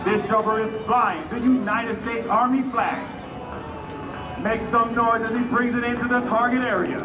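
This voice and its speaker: Booming air show announcer over loudspeakers. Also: male voice, fairly even intonation, muffled recording. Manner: booming, drawn-out showman delivery. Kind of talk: public address commentary. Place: outdoor air show field. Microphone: PA system recorded from the crowd. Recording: echoey loudspeaker heard from far off. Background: loud music and cheering crowd.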